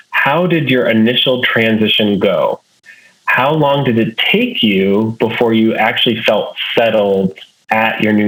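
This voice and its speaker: A man's voice: on the low side, fairly bright tone, rough recording. A man hosting an alumni panel over a video call, introducing speakers and posing questions in a friendly, methodical way. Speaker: international student advising director, panel host.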